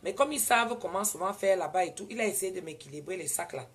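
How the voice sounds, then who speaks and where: Animated woman with a Cameroonian French accent. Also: on the low side, fast talker. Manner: animated, switches into loud indignant retorts when quoting herself. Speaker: vlogger. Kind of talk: casual storytelling.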